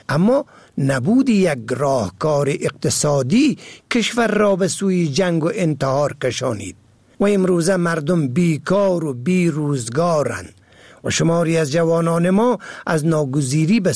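A man giving a measured, formal scripted radio narration. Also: on the high side, a little mellow, breathy edge, dry recording.

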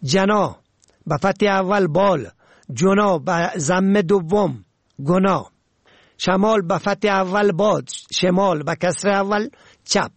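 A man presenting a language program, reading a scripted lesson and listing words with their pronunciations in a measured way. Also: sits high, gravelly, no room sound.

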